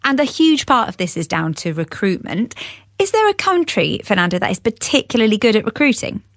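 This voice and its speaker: A woman hosting a news explainer, speaking in a clear, conversational way. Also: fairly high pitch, very animated, fairly quick, dry recording. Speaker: host.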